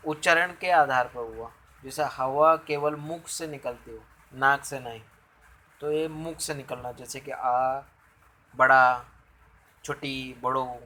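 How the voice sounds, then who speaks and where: A man teaching a grammar lesson, explaining slowly, asking rhetorical questions and sounding out examples. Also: medium pitch, pushed and bright, poor audio.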